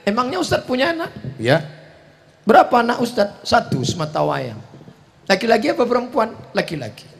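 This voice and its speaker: A male Islamic preacher giving a humorous sermon, swinging between hushed and shouting. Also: very high-pitched, very animated, a little fast, creaky.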